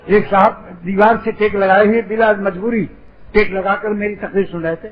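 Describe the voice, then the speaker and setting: A man with a high voice preaching a light-hearted sermon, full of playful puns and teasing asides. The recording sounds dull and lo-fi. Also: level tone. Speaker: Islamic preacher. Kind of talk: humorous sermon.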